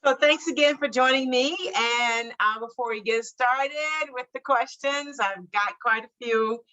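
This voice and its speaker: A bright, clear-toned woman hosting a streamed podcast interview. She talks in an upbeat, chatty way and laughs easily between her points. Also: fairly high pitch, a little slow, muffled recording. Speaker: podcast host.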